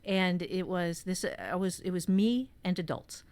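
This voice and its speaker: A woman with a fairly low, somewhat mellow voice, clear and resonant, speaks at a measured pace. Hosting a podcast workshop, she talks informally and frankly, telling personal stories emphatically and swearing freely.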